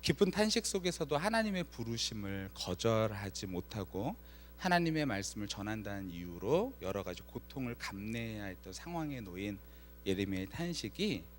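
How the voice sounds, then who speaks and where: A man's voice: lowish voice, slight background noise. A man preaching a Friday night sermon as pastor, telling a story with acted-out lines and questions to the congregation. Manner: lively storytelling, acts out quoted lines, asks the congregation questions. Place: church sanctuary.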